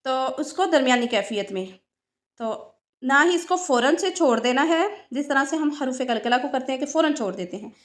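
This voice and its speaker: A woman's voice: high-pitched, animated, normal speed. A woman teaching Quranic pronunciation, patiently drilling sounds and repeating examples with frequent check-ins. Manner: checks in with "ठीक है" often. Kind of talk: tajweed lesson.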